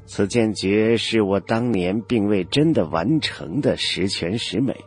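A man voicing an old male cultivator elder who speaks slowly and mutters to himself. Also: a little mellow, breathy edge, soft background music. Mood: amused. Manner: slow, low, muttering to himself.

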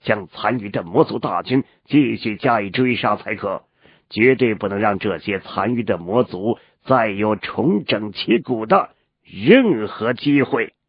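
A man voicing a silver-haired old male sect elder who speaks in a measured, modest way. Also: lowish voice, lively intonation, husky, no echo, heavily acted. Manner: measured, humble then stern. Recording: lo-fi with faint music.

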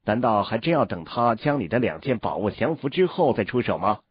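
A man's voice: lowish voice, sing-song, fairly quick, breathy edge, no echo, heavily acted. A man voicing a resolute female cultivator. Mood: impatient. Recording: dull lo-fi audio, faint music.

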